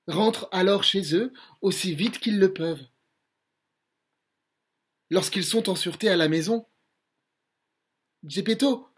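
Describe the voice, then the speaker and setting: A man reading a children's story aloud with lively expression, then signing off with soft casual chat. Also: high voice, breathy edge. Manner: lively expressive reading, softer chatty sign-off.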